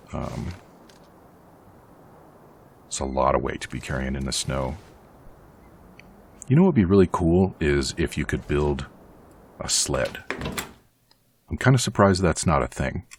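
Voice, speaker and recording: A man's voice: a bass voice, a little slow, long pauses, slight background noise. A man casually narrating his survival game playthrough, chatty and rambling with a self-deprecating streak. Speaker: let's play host.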